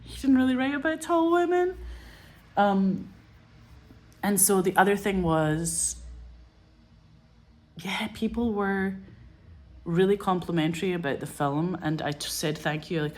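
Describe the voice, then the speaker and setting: In her forties and from Scotland, this woman is a filmmaker guest telling stories casually, loosely and chattily, packed with fillers, laughter and swearing. She speaks at a moderate pace in a lowish voice, leaving long pauses.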